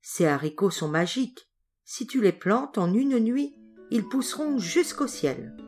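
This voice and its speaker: A woman's voice: on the high side, big pitch swings, measured pace, darkish tone, faint music behind, pitched above the performer's own voice. A mysterious male stranger coaxes a boy with promises, in a lilting, lifted voice, as a woman reader puts him on. He sounds persuasive and odd.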